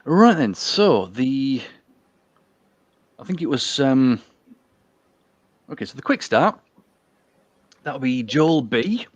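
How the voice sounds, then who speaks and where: A man's voice: medium pitch, sing-song, slow pace, pauses often, dry recording. A man co-hosting a casual podcast, reading a story aloud with wry asides, giggling and stumbling over words. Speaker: podcast co-host. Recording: dull, dry lo-fi call audio.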